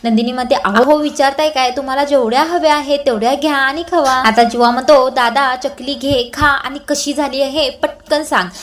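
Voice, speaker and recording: High-voiced woman recapping a serial. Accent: Marathi. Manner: reads every character's lines in her own voice; small hesitations and restarts. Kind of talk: retelling a TV serial episode.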